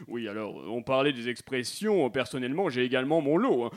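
A man's voice: medium pitch, animated, a little fast, pitched below the performer's own voice, close to an everyday voice. A man voicing the Quebec accent as an offended character, speaking with a Quebec French accent. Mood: aggrieved.

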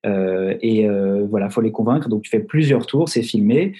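A man's voice: lowish voice, expressive, normal speed, dark tone, a little hiss or hum. A man, an actor, chatting casually in an interview over a video call, joking with mock-serious tall tales. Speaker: actor guest.

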